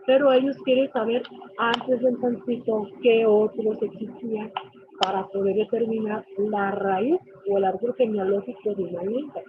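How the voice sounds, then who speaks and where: Teacher lecturing over a tinny call. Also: female voice, on the high side. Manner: explains with questions and quoted student replies. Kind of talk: online class lecture. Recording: tinny phone-like call audio with faint hiss.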